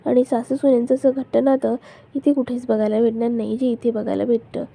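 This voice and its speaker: Woman, casual serial recap, chatty with fillers, fairly high, gravelly, very dark. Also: flat delivery, a little fast. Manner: chatty, leans on filler particles. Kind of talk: casual plot retelling.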